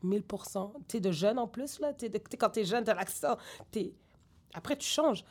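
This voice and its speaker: Woman rapper, raised in Senegal, French accent with Québécois traces, chatty and animated interview guest. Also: mid-range voice, fairly quick, slightly rough. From grew up in Senegal. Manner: animated, digressive, many fillers. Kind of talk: candid interview conversation.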